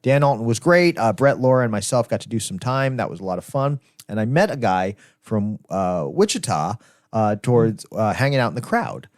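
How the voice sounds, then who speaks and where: A man's voice: fairly low pitch, normal speed, no room sound, studio quality. A man hosting a podcast, telling crude stories in a loose, laughing way. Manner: animated, profane, laughing storyteller. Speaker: podcast host. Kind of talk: casual chat, storytelling.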